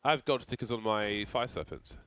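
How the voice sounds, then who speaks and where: A man with a fairly low voice works as an esports caster, mixing commentary with easy chat. Game gunfire and clicks are clearly heard behind him. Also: lively intonation, fairly quick, fairly bright tone, slight background noise. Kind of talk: live esports commentary mixed with casual chat. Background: video game gunfire.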